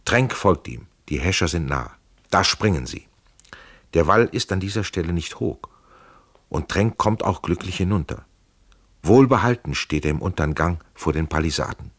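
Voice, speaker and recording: Deep, husky male storyteller. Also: lively intonation, normal speed, no echo, clean studio sound. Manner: dramatic, vivid storytelling. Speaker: narrator. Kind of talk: dramatic audiobook narration.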